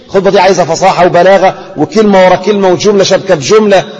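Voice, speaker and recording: A man with an Egyptian Arabic accent teaching a religious lesson, acting out debates and often dropping to a low, quiet voice. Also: rapid-fire. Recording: echoey hall, dull lo-fi sound.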